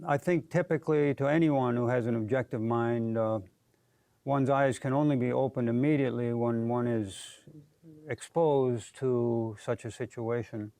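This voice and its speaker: Creaky-voiced man in his sixties. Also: mid-range voice, a little mellow, dry recording. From United States. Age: 60s. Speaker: guest, community activist. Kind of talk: TV studio interview.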